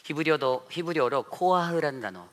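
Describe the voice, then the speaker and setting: A man, a pastor, preaching a Sunday sermon in a church, animated, with rhetorical questions and acted-out quotes. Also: fairly high pitch, fairly quick. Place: church sanctuary.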